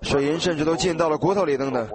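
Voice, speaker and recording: A man delivers an earnest sermon, telling a story and urging his listeners on. His voice sits a little high for a man. A loud crowd fills the space behind him. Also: very fast. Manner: earnest, exhorting, acts out quoted dialogue. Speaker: preacher.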